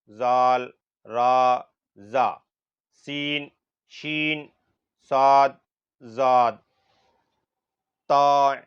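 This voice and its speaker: A man's voice: medium pitch, clear, resonant tone, lo-fi sound. A man teaching a lesson on Quran letter pronunciation, drawing out each letter sound and repeating it for students.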